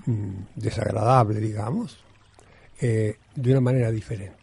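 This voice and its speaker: Being interviewed in a reflective conversation, an Argentine-accented Zen monk from Buenos Aires searches for words and frequently repeats a phrase. His voice is fairly low, creaky, husky and darkish, with a steady tone at a moderate pace, and there's no room sound.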